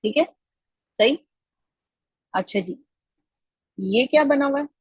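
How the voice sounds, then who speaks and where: A woman's voice: sits high, animated, takes it slowly, slightly rough, no echo, rough recording. A woman teaching children in an online class, patient and encouraging, repeating each answer back to them.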